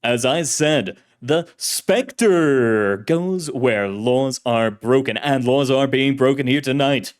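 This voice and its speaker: A narrator acts out a shadowy male crime-fighter in old radio serial manner. He declaims in a deep, booming voice, pompous and righteous, with grand theatrical emphasis on his noble cause. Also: slow pace, few pauses, lightly acted. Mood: grandiose. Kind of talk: 1930s radio serial acting.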